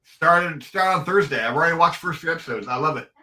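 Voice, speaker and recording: A man in his fifties co-hosting a casual hobby podcast, upbeat and quick to agree, telling stories in an easy way. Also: fairly high pitch, lively intonation, sharp tone. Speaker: co-host.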